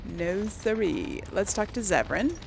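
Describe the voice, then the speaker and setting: Reading dialogue options aloud during a relaxed let's play, this gaming video host and player chats and thinks out loud. She has an expressive medium-pitched voice with vocal fry, speaks at a measured pace, and a little hiss or hum can be heard.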